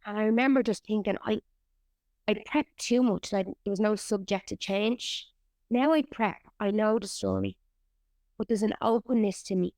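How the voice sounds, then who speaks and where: A woman's voice: medium pitch, very animated, moderate pace, a little mellow, no echo, studio quality. A woman, an actor and writer, chatting candidly in an interview and swearing freely. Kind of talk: casual interview chat.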